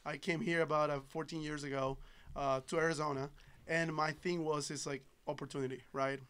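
In a small padded podcast studio, a solar business owner from Ecuador, a native Spanish speaker in his thirties, talks agreeably through a casual interview into a boom-arm studio mic. His fairly high voice is brisk, a bit bright and smooth, with a flat delivery.

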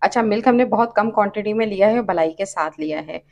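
A woman with a Pakistani Urdu accent hosting a cooking channel, calmly explaining each step of a recipe and repeating her tips. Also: medium pitch, fast talker, muffled recording. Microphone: off-camera voice over hands-only cooking shots.

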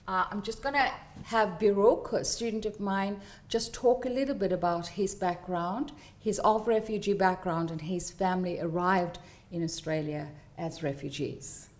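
A woman's voice: lowish voice, fairly even intonation, moderate pace, few pauses. A woman lecturer giving an academic talk, explaining and listing terms. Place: large lecture theatre.

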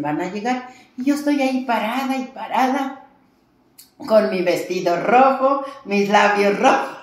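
A woman's voice: a little high, darkish tone, reverberant. A woman with a Mexican accent, a traditional healer, telling a long story in an interview with many fillers and restarts.

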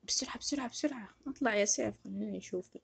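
Brief: woman gamer, chatty and excitable, lively swinging pitch, gravelly husky edge. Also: fairly quick. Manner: chatty, excitable, talks to viewers. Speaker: gaming YouTuber. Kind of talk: casual game commentary.

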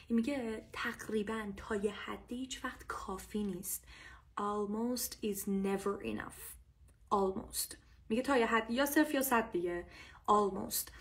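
Brief lively Persian-accented woman, casual English teacher on a livestream, slow drilled repetitions. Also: medium pitch. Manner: lively, drills English phrases slowly and repeats them.

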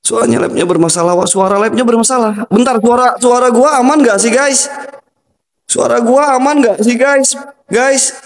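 A young man with a very high voice chats casually to his viewers as he creeps through an abandoned building. He is jumpy and easily startled, and now and then he chants summons to the spirits. His voice rings with the long reverb of a big empty hall. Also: moderate pace. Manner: jumpy, startled outbursts and whispered invocations. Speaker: horror livestream explorer. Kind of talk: casual live-stream narration with chanted summons.

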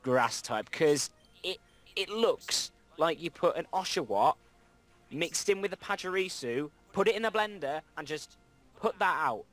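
A man's voice: on the high side, lively intonation, measured pace, a bit bright, faint music behind. A young man hosting a let's play, chatting casually and rambling with frequent restarts. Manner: rambling, self-correcting, reads game dialogue aloud. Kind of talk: casual gameplay chat.

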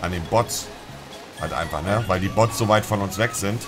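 A man's voice: sits low, normal speed, music in the background. A young man giving casual, slangy, grumbling gameplay commentary as a streamer among friends. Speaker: gaming streamer.

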